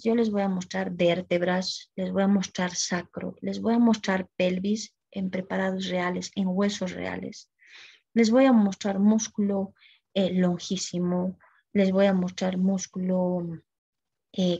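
Creaky-voiced woman lecturing over a call. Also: fairly low pitch. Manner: repetitive, emphatic, drills instructions. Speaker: university anatomy lecturer. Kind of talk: online class lecture. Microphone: video call. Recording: muffled lo-fi call audio.

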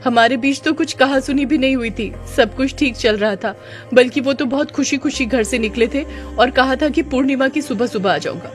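A woman's voice: high voice, moderate pace, pitched above the performer's own voice, natural voice. A woman voicing a distraught young wife who cries and pleads as she searches for her missing husband. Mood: tearful, anxious. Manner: pleading, anxious. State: crying. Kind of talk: audio drama narration. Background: background music.

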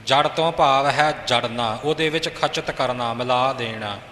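Bright-voiced man teaching recitation slowly. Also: mid-range voice. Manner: slow, deliberate, half-sung demonstrations. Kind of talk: pronunciation instruction. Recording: echoey room with faint noise.

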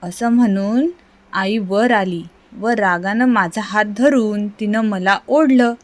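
Slow, measured woman reading a story. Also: on the high side. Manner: measured, expressive narration. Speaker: reader.

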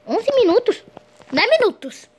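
A young girl commentating her football video game, excitable and shrieking at goals, constantly addressing viewers. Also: very high voice, normal speed. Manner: excitable, shrieks at goals, keeps saying "gente". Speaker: gameplay commentator.

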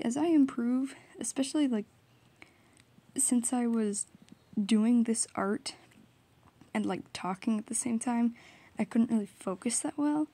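Young woman, casual art-vlog voiceover: rambling, giggly, self-mocking, fairly high, mellow voice. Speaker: art vlogger. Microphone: small audio recorder, drifts off mic.

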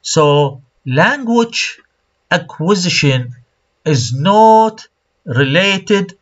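A man from Iraq, speaking with an Iraqi Arabic accent, teaches in a recorded online lecture. He talks slowly and expressively, his pitch swinging widely on stressed words as he repeats key points and poses rhetorical questions. The audio is dull and lo-fi, like a screen recording.

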